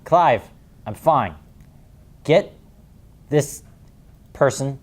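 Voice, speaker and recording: A man voicing a mysterious wealthy man who gives brisk, commanding orders. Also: mid-range voice, animated, a little mellow, slightly rough, voice pushed up, full character voice.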